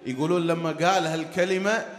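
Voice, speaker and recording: A man's voice: a little high, fairly even intonation, quick pace, reverberant, long reverb tail. A man preaching a mourning sermon, moving between storytelling and chanted elegy. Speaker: religious orator.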